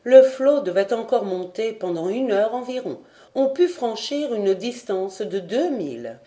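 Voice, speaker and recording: A woman reading a classic adventure novel aloud in a clear, measured narration. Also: on the high side, sing-song, dark tone. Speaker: audiobook reader. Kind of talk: scripted narration.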